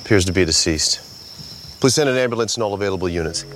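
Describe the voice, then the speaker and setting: A man plays a police officer who keys his radio and reports to dispatch in brisk, clipped phrases. His voice sits on the low side and comes through as a police radio call. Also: expressive, fairly bright tone, a little hiss or hum. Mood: urgent. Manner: clipped, procedural radio talk. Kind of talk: reenactment acting.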